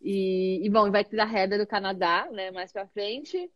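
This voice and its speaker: A Brazilian woman with a Brazilian Portuguese accent, an English teacher, chats animatedly with a guest in casual conversation, using lots of tag questions. Her voice is medium-pitched and unhurried. The recording is muffled, with no echo.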